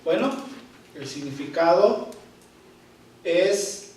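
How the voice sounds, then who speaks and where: A man with a fairly high voice teaches a church class, going slowly and repeating his key terms. He keeps asking his listeners if they follow. The sound is very echoey, as if recorded from across a large hall. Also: animated, darkish tone, distant mic. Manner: slow, repeats key words, checks in with "¿Ok?". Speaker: Bible teacher. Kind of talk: Bible study class.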